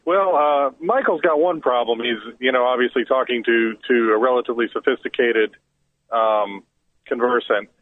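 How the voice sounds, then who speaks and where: A man's voice: medium pitch, normal speed. A man calling in to a radio show over a Bluetooth phone line, asking a question hesitantly and repeating words as he searches for phrasing. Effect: caller heard over a Bluetooth phone line. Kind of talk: call-in question. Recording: tinny phone-line call audio.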